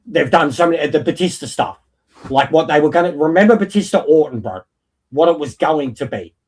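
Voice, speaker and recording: A man's voice: fairly high pitch, lively intonation, fairly quick, a little mellow, breathy edge. A man in a casual, opinionated wrestling chat, talking in an emphatic, rambling, sweary way. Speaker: wrestling podcast panellist.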